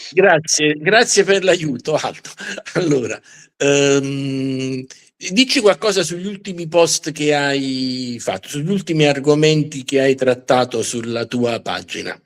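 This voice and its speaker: A man speaks as the host of a live show about history. His talk is unscripted and halting, with words repeated while he searches for how to put things. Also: medium pitch, animated.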